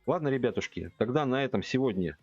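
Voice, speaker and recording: A man's voice: mid-range voice, expressive, fast talker, a little mellow, no room sound, muffled recording, faint music behind. A man in his forties chatting casually with viewers as he plays, thinking aloud and speaking to his chat directly. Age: 40s. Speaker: game streamer. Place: home room at a computer.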